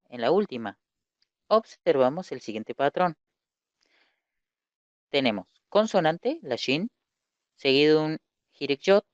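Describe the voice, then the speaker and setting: Man teaching a slow, methodical lesson. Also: a little high, clear, resonant tone, no room sound, dull audio. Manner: patient, explanatory, poses questions then answers them. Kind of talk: recorded language lesson.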